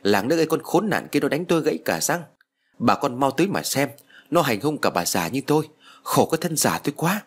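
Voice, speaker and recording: A man voicing a spiteful, foul-mouthed old village woman who curses and wails in a shrill voice. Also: sing-song, quick pace. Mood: wailing. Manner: shrill, cursing, wailing.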